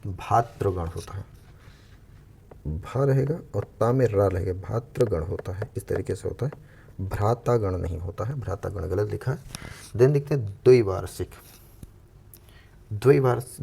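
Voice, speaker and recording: A low, gravelly male voice, dark and mellow in tone, walks students through a spelling lesson. He breaks each word down step by step, repeats it slowly, and drops in as he goes. Faint background noise sits under the recording. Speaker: Hindi exam coach. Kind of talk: spelling lesson for exam aspirants.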